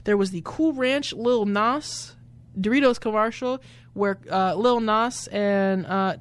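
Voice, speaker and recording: A man's voice: sits high, takes it slowly, smooth. A man in his twenties hosting a college radio show, rambling casually with many fillers. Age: 20s. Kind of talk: casual chat.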